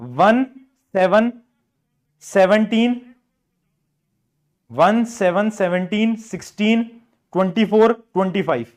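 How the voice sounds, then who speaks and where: A man's voice: high voice, expressive, slow pace, long pauses, darkish tone. A man teaching an online class, chatty, repeating phrases and mixing English terms into his talk.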